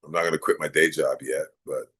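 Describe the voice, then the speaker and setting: Man w a very low voice, from jamaica, raised in maryland, rambly casual interview chat. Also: a little fast, breathy edge. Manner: relaxed, rambling with many fillers. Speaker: actor guest.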